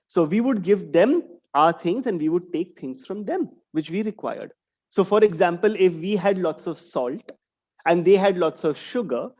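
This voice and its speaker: A young man with a high, slightly mellow voice gives an online talk to young schoolchildren over a video call. As their guest speaker, he tags many of his sentences with a questioning "right?"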